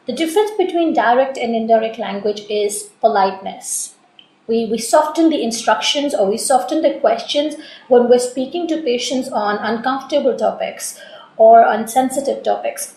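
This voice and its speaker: A woman talks through an exam preparation lesson in a steady, explanatory way, pausing now and then with small fillers. Her voice sits a little high. The room around her is noticeably echoey. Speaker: exam prep teacher. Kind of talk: recorded lesson.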